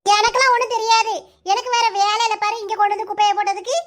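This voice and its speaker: A very high, bright cartoon voice put on by a woman for a quick-tongued young wife who fires back at every accusation. Her speech carries a Kanyakumari Tamil accent. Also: fairly even intonation, slight background noise. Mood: defiant. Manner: defensive, retorting.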